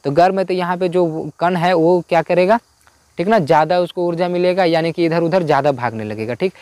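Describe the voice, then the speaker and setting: A man's somewhat high, darkish voice moves briskly in this dry recording. He's explaining physics homework answers for school in informal Hindi, repeating important points and putting questions to himself before giving the answers.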